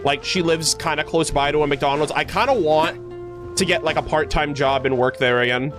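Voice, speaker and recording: Speaking at a moderate pace in a fairly high voice, a man livestreaming video games reminisces and responds to viewers. His talk is casual and rambling, full of "like," with background music underneath.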